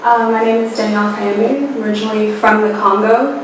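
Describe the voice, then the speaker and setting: A woman panelist speaks conversationally in a fairly flat, even tone, pausing often with fillers. She is heard from afar in a very echoey hall, with clear room noise. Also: mid-range voice, distant mic. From United States. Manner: conversational, with many filler pauses. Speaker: panelist and founder. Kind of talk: panel self-introduction. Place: large echoey event room indoors.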